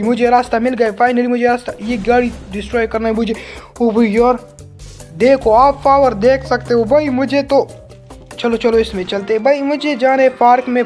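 A gaming channel host with a very high voice delivers excited let's-play commentary. He yelps, repeats words over and over, and keeps calling the viewer brother.

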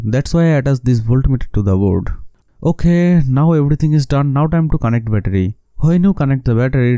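A man's voice: mid-range voice, warm tone, no echo. A man with a Bengali accent, a native Bengali speaker, narrating a scripted DIY how-to in non-fluent English. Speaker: host of a DIY electronics channel.

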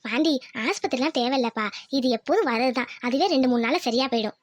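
A woman voicing an older village mother in a cartoon, who scolds her son gently and explains things patiently. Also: sits high, fast talker, no room sound, clean studio sound, pitched below the performer's own voice. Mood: patient, soothing. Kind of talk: cartoon voice acting.

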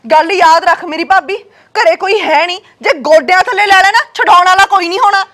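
A woman's voice: very high voice, fairly quick, fairly bright tone. A woman playing a sobbing, quarrelsome married sister. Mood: angry. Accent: Punjabi. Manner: wailing, quarrelsome. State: crying. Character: tearful married sister fighting her sister-in-law. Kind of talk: Punjabi web-series acting.

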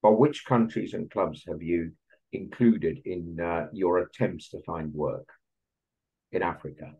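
A man asks careful, probing questions over a video call. His voice is low and husky. The lo-fi call audio makes it sound dull. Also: unhurried, darkish tone. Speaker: interviewer. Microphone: video call laptop mic.

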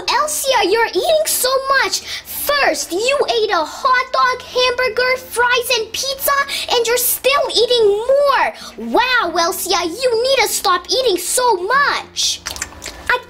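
Brief: woman voicing toddler dolls, very high and bouncy, unhurried. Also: sharp tone, a little hiss or hum. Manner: high childlike voice, slow and sing-song. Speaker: doll play narrator voicing toddler characters. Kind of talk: doll role-play voices.

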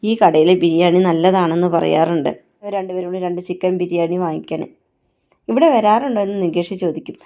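A woman retelling episodes of a television serial in a plain, steady storytelling manner, on a dull lo-fi recording. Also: fairly low pitch, fast talker. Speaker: serial recap narrator. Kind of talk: plot retelling.

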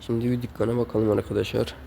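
A man's voice: on the low side, little pitch movement, fast, gravelly, warm tone, a little hiss or hum. A man hosting a gaming channel, giving casual gameplay commentary at home, rowdy and swearing often as he scolds the game's characters.

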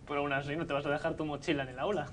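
A man's voice: a little high, little pitch movement, rapid-fire, fairly bright tone. A man helping present a tech talk in a lecture room, explaining features with examples.

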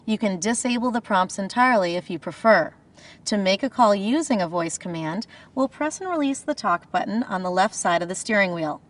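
A woman in her thirties presenting scripted instructions, clearly enunciated and explanatory. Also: mid-range voice, expressive, brisk. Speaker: presenter of car instructional video.

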